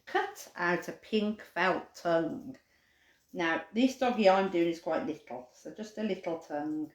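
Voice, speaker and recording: A playgroup leader in her forties demonstrates a children's craft and reads a storybook aloud, playful and giggly. Her voice is lowish and unhurried, and the sound is reverberant.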